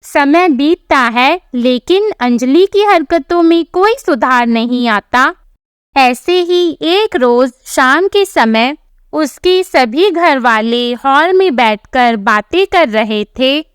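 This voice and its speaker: A woman narrating a scripted family story in a measured, plain storytelling manner, close to the mic. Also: high voice, animated, no echo.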